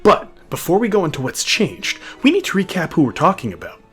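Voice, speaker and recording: Over background music, a man narrates a comedic fan lore video from a script, sardonic and mock-grand with irreverent asides. His voice is high and fairly bright, moving fairly quickly with huge pitch swings.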